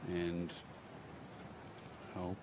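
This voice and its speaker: A man's voice: sits low, monotone, drawn-out words, noisy background. A man giving live golf commentary as a sports broadcaster.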